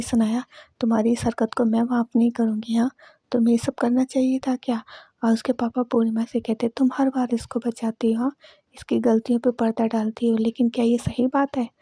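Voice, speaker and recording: A woman's voice: a little high, mellow, husky, no echo, studio quality. A woman chatting through a casual recap of a TV serial episode in voice-over, retelling who said what in a talkative way. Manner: chatty, repeats "she says" and "okay". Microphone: voice-over recorded close to mic.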